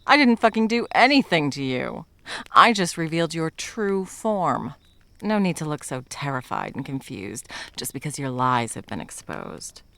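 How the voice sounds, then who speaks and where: For an ASMR roleplay, a woman voices an intense female monster hunter in a deep, gravelly voice that creaks at the edges, fully in character. She delivers lines with deliberate, dramatic menace and sharp, open scorn, sounding furious and very animated.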